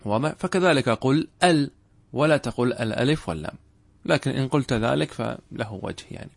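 A man teaching a grammar lesson in a measured way. He repeats key points and often stops to check that his listeners understand. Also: mid-range voice, vocal fry, husky. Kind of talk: classroom lesson explaining a text.

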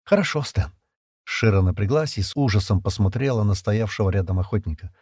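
A man narrating an audiobook in an expressive, dramatic storytelling manner. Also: lowish voice, fast, no room sound, studio quality. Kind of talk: scripted narration.

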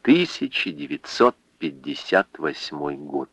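A man narrating a literary novel as an audiobook, with an expressive, dramatic reading. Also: a bass voice, unhurried, vocal fry, no room sound, rough recording. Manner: dramatic, emotive reading with big swings.

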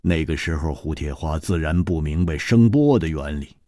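A man telling a martial-arts tale in traditional Chinese storytelling style, with lively, expressive narration. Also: rumbling low, normal speed, dry recording. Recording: dry close radio studio.

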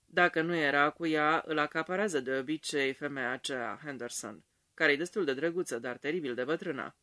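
A man voicing an excitable eighteen-year-old girl. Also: fairly high pitch. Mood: excited. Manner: excited, giggling.

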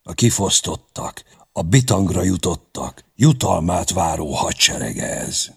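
A man narrating a historical novel as an audiobook, steady and expressive, with a gravelly, husky voice. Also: sits low.

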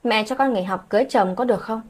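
A woman voicing a tearful teenage daughter who speaks hesitantly and begs her mother, in a husky voice. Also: a little high, fast, a little mellow. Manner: hesitant, pleading. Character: pregnant teenage girl, tearful and pleading.

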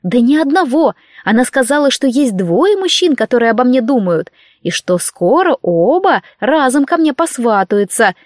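A woman voicing a naive, excitable young servant girl who chatters breathlessly and pleads. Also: high-pitched, moderate pace, few pauses, dry recording, clean studio sound. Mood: eager pleading.

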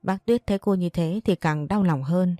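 A woman narrating a sad story in a steady, somber storytelling voice. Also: lowish voice, normal speed, dry recording, clean studio sound, soft background music. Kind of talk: scripted audiobook narration.

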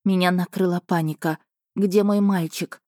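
Low-voiced woman narrating a fantasy audiobook. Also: steady tone, moderate pace, dark tone, no echo, studio quality.

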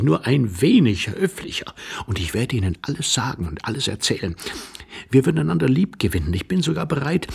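A man's voice: medium pitch, vocal fry, breathy edge, voice pushed up, heavily acted. A man voicing a desperate, flustered middle-aged man who pleads and stammers while stuck under a bed.

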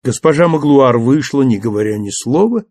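Gravelly male audiobook narrator. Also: medium pitch, dry recording. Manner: even, measured storytelling.

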